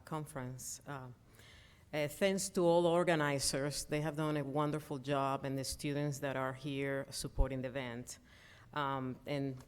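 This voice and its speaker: Conference speaker: low-pitched, middle-aged woman, earnest and hesitant with many fillers. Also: clear, resonant tone. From Venezuela. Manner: earnest, frequent ums and uhs, restarts. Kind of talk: prepared conference talk.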